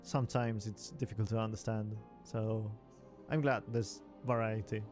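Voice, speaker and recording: While playing a game on stream, this Spaniard keeps up easy conversation with his audience, responding to chat, chuckling often and leaning on "like" as filler. He speaks at a moderate pace in a lowish, steady, darkish voice over soft background music.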